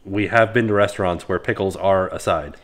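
A man's voice: low-pitched, fairly quick. An American man in his thirties chatting casually as he breaks down a meal for a vlog. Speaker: food and travel vlogger. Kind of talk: casual chat, food review. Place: small living room at home, indoors on a couch.

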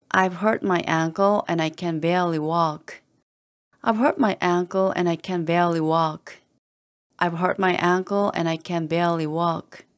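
A woman with a fairly low pitch patiently reads short sentences slowly and clearly, repeating each one the same way for learners to copy. She is an English teacher giving model phrases, her speech calm, even and carefully spoken.

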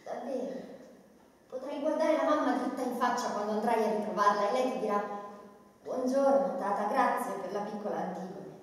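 Stage rehearsal: actress as a soft-spoken headstrong princess, far off in an echoing church. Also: female voice, a little high, normal speed, close to an everyday voice. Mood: soothing. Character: young princess, stubborn yet gentle. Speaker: amateur stage actor. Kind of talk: theatre rehearsal acting. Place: large church hall. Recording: echoey church hall from far off.

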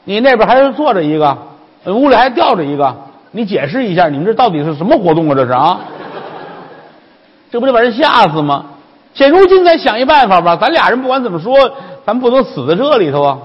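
A jittery young man fires off insistent questions in a Beijing accent, as a male comic storyteller plays him, his voice pitched high and lurching up and down. It is a raspy voice, heard with a long hall reverb on a dull, lo-fi recording. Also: big pitch swings, a little fast, full character voice. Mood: anxious, pushy. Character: anxious, pushy young man in a haunted temple.

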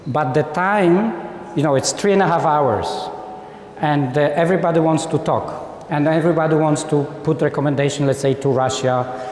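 A Polish-born human rights lecturer gives an informal, conversational talk to a seated audience, acting out the diplomats he quotes. His voice is slightly high and a bit mellow at a normal pace, picked up by a lapel mic in an echoey hall with a little hiss or hum.

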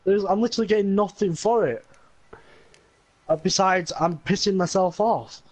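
A man's voice: high-pitched, normal speed, no room sound, low-quality recording. A young man streaming a game, ranting and swearing angrily at the other players. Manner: angry ranting and swearing at opponents. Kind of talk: live gameplay commentary.

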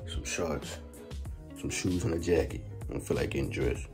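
Music plays in the background as a teenage boy with an extremely low voice chats at a moderate pace. He's vlogging en route to class around the school hallways and grounds, trading jokes in interviews, using loose slang, and laughing a lot.

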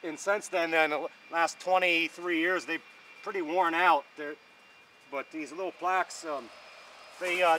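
A man's voice: a little high, sharp tone, a little hiss or hum, poor audio. A middle-aged man from northern New York giving a rambling, chatty tour of an outdoor playground, filmed by a cameraman. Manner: rambling, chatty, with many fillers. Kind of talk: casual walking tour commentary. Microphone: camera held by a cameraman.

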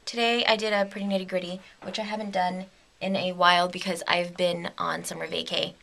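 Her voice lowish, flat, brisk, creaky, and a bit bright, a twenty-something woman rambles and giggles through a casual vlog, bubbly yet sleepy and slightly delirious, dropping to a whisper at times. The handheld camera is held close to her face in a small home studio featuring a big red chair and a green screen.

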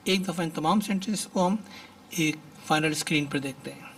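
A man teaching English expressions in a lecture, reading each phrase slowly and then explaining it. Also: fairly high pitch, a bit bright, recorded from a distance, a little hiss or hum.

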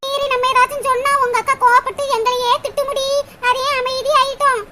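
A woman's voice: extremely high pitch, flat delivery, a little fast. A woman voicing a bossy middle-aged village neighbour in a cartoon, coaxing and scolding with folksy sayings in a southern Tamil accent. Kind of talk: dubbed cartoon comedy. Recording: loud hiss and clicks over the voice.

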